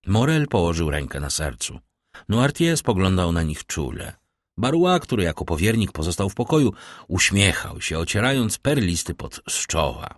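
A man narrating an audiobook in an expressive storytelling manner. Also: deep voice, normal speed, no echo, clean studio sound.

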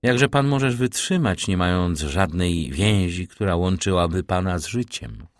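A man's voice: low voice, expressive, a little slow, dry recording. A man voicing an anxious aristocratic countess who keeps probing with questions. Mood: pressing. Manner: pressing, questioning.

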